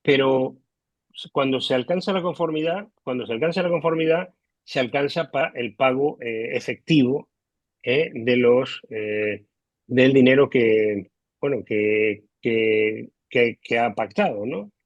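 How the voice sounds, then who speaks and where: A man on a video call explaining tax law in a measured way, hesitating often with "eh", over low quality stream audio. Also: dry recording. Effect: low quality stream audio, connection dropping. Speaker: legal expert guest. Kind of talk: explaining law in a remote interview. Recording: dull lo-fi online call audio.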